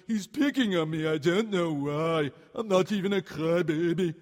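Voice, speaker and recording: Man putting on a high, whining, wailing townsman. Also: big-room sound, natural voice. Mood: pleading, despairing. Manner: plaintive, drawn-out complaining. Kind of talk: dramatized children's story.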